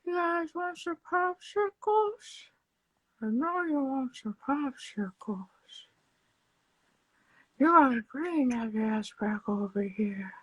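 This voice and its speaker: A sleazy, leering man drags out his words in a slightly high voice, put on by a woman. The recording is dry and close, with little room sound. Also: animated, takes it slowly, pauses often, a bit bright, husky, no echo, exaggerated voice, low-quality recording. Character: creepy lecherous man offering popsicles.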